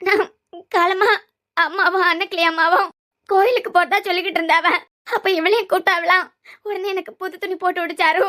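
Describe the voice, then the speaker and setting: A woman's voice: very high voice, fairly even intonation, a little fast, sharp tone. A woman voicing a tearful, pleading young mother. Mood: frightened, tearful. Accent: Kanyakumari Tamil. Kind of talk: cartoon serial voice acting.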